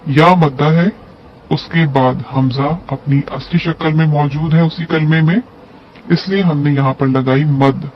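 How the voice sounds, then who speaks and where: Slow, patient male teacher on lo-fi audio. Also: a little high, steady tone. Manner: slow, patient, drawing out syllables to demonstrate. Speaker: Quran recitation teacher. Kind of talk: step-by-step lesson. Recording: dull lo-fi audio with faint hiss.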